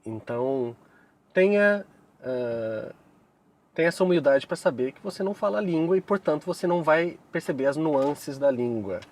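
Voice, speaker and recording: A man's voice: on the high side, normal speed. Chatty Brazilian man in a car. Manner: relaxed, chatty, laughs often. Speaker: co-host, Korean teacher. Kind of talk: casual advice chat. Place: inside a moving car. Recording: faint car noise. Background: faint vehicle noise.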